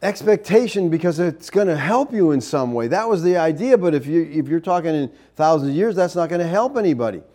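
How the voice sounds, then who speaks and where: A man preaching a sermon, arguing point by point in an animated, incredulous way and pressing rhetorical questions. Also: fairly high pitch, brisk, few pauses.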